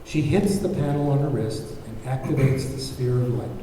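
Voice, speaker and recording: At a table read, a man narrates screenplay stage directions from a script, recorded at a distance in an echoey room. His voice is medium-pitched and dark, at normal speed, with a little hiss or hum in the background.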